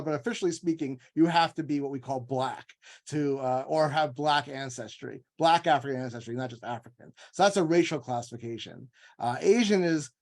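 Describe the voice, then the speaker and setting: A man with a fairly high, darkish voice is a guest on an informal panel, where he speaks as an author and legal scholar. He explains things in a discursive, emphatic way and often acts out imagined quotes.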